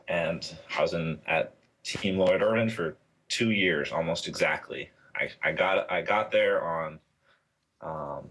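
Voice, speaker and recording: Deep-voiced young American man. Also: slightly rough. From Hawaii, United States. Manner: rambling, relaxed, many fillers. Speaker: interview guest, athlete. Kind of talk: casual interview.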